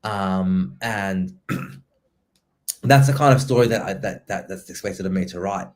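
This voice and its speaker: A man, hosting a relaxed podcast conversation. His voice sits low. He speaks haltingly, stopping and restarting as he works his thoughts out loud. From Somalia. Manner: halting, with frequent restarts and repeated words. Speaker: podcast host, writer and poet. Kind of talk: casual conversational interview.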